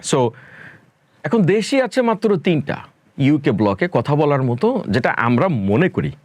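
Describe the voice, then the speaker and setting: A man's voice: fairly high pitch, sing-song, a little slow, a little mellow, no room sound. A man from Bangladesh answering interview questions as a spoken English educator, talking emphatically and dropping English phrases into his speech.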